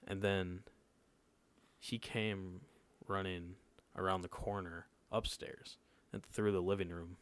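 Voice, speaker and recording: This young podcast co-host, nineteen, has a low-pitched voice and talks slowly in a level tone. His personal story comes across laid-back, and he keeps checking in with his audience along the way.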